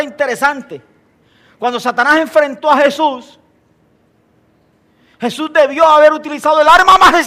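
Older preacher, animated storyteller with jokes, fairly high and sharp-toned voice. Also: male voice. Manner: animated storyteller, humorous asides, asks the congregation questions. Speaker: pastor. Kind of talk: sermon.

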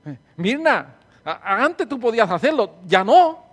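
A man preaching a sermon and leading prayer. He repeats phrases fervently, calls out listeners by name, and swings between hushed and loud delivery. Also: extremely high pitch, big pitch swings, measured pace.

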